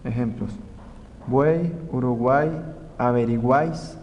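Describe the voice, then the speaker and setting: A young man from Colombia reads out spelling rules and example words one by one, slow and deliberate like a class presentation. His voice carries a lingering reverb with a faint noise underneath. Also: mid-range voice, a little mellow, dull audio. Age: young adult. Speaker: student presenter. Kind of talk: reading a grammar tutorial.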